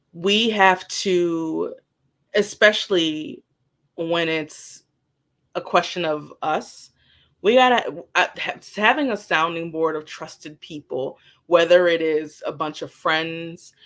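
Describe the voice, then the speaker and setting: Candid, animated storytelling guest. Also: medium pitch, slow pace. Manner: animated, acts out quoted dialogue, swears casually.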